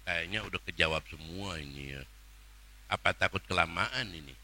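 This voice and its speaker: Male preacher coaxing his congregation, stretching out the chants, sharp bright voice. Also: low-pitched, normal speed, vocal fry. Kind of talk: sermon leading a congregation in prayer. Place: religious gathering.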